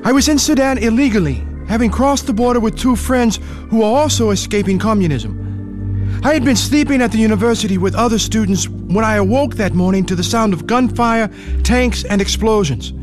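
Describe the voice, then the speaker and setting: High-voiced guy from ethiopia telling his story, earnest, soft music under it. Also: a little fast. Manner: earnest, pleading when frightened. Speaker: narrator and lead character. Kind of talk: dramatized first-person radio narration.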